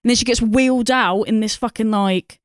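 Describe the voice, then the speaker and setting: Woman, podcast co-host, rambling, sweary, smooth clear voice, dry close sound. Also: fairly high pitch, a little fast, dry recording. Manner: rambling, sweary, lots of fillers and laughs. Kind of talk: casual film review chat.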